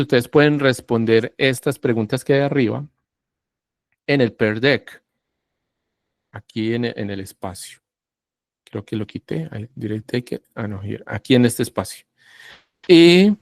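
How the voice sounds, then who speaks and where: A man teaches an online English lesson at a slow, unhurried pace. He explains patiently and spells out letters one at a time. His voice sounds dry and close, with no room echo. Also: mid-range voice, vocal fry, a little mellow.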